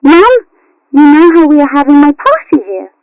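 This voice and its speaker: A woman voicing a sweet, wistful teenage girl kitten in a cartoon, with a raspy, childlike voice. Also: high-pitched, animated, moderate pace, darkish tone, no echo, highs cut off. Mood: pleading, wistful. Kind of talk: cartoon character acting.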